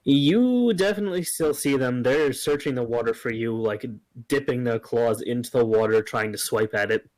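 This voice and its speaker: A man narrating as game master of a tabletop game, slow and hesitant with frequent pauses. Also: medium pitch, a little mellow, dry recording, poor audio.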